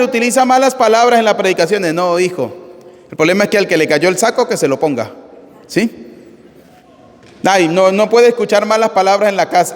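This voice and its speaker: High-pitched guy priest giving a sermon, blunt, asks the crowd questions all the time, big echoey church. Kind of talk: live sermon on the Gospel. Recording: reverberant church hall.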